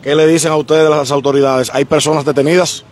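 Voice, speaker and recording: A man, interviewing people on a busy street with a handheld mic, asking brisk questions. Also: on the high side, flat delivery. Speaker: street reporter.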